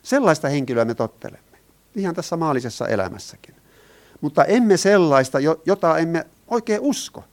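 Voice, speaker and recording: A man's voice: a little high, animated. A man preaching a sermon. He talks in an earnest way, asks his listeners questions and explains Greek words.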